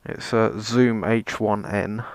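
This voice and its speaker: Low-voiced man vlogging casually. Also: steady tone, slow pace, no echo. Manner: rambling, self-deprecating, dry sarcasm, mild swearing. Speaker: motovlogger, presenter. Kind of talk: casual vlog gear demonstration.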